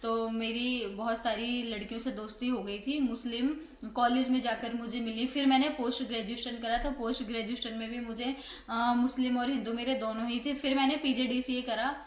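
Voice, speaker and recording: A Rajasthani woman chatting casually in a couple vlog, relaxed, with lots of fillers as she talks. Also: a little high. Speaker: vlogger, co-host with husband. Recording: echoey room, faint background noise.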